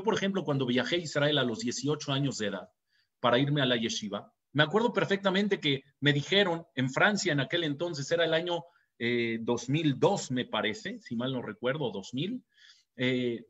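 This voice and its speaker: Earnest Mexican rabbi preaching, higher voice. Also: male voice, fairly bright tone. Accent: Mexican Spanish. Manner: earnest and storytelling, with dramatic raised quotes. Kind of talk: sermon. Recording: dull lo-fi recording.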